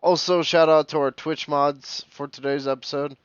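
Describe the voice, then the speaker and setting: A man's voice: a little high, steady tone, moderate pace, clean tone, dry recording. A man co-hosting a casual podcast, laid-back and giggly as he reads out plugs, on a slightly dull lo-fi mic with faint music behind. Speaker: podcast co-host.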